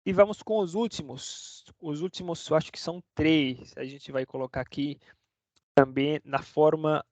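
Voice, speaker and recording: A man's voice: on the high side, steady tone, moderate pace, darkish tone, dry recording. A man teaching a casual online lesson, chatty, checking in with the class every few words. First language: Portuguese. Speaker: Spanish teacher. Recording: dry, dull lo-fi sound.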